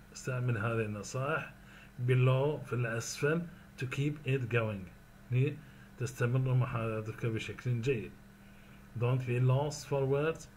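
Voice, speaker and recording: Slow, repetitive Iraqi man teaching English. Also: mid-range voice, darkish tone, slight background noise. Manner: slow, repeats each phrase, then translates. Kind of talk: bilingual classroom lesson, reading and translating.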